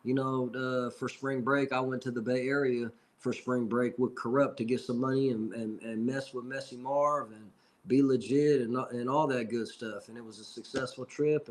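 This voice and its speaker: A man in his forties, a rapper guest, tells stories in a loose, rambling way. He keeps dropping in "you know what I mean" as he goes. His voice sits at an ordinary middle pitch. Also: low-quality recording. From Seattle. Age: 40s. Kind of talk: casual storytelling.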